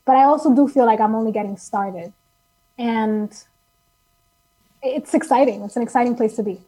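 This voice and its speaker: A woman guest on a podcast, an author talking openly about her work. Her voice is fairly high and upbeat, and she laughs easily in relaxed, earnest chat. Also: moderate pace, husky, rough recording. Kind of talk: casual interview chat.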